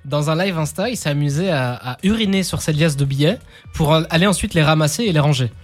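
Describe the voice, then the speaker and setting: Excitable man on a podcast panel. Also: a little high, fast talker, soft background music. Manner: excitable, eager to answer. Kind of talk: quiz banter and storytelling.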